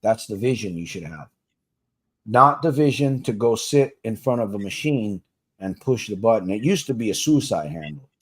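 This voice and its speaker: A man's voice: on the low side, expressive, moderate pace, slightly rough. A man hosting a casual livestream for gamblers in recovery, plain-spoken and slangy, coaching listeners directly and laughing easily between points. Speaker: podcast host for gamblers in recovery.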